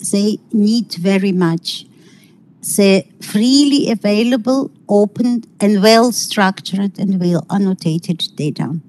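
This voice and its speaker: Slow, halting middle-aged woman lecturing online. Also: medium pitch, darkish tone, rough recording. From Kazakhstan. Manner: halting, searching for words, non-native phrasing. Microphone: video call.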